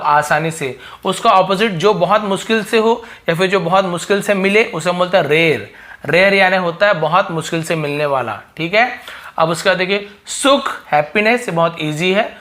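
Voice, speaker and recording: A male teacher with a slightly high, sharp and bright voice runs his own channel's English lesson. He explains patiently, repeats every word and asks his students questions along the way.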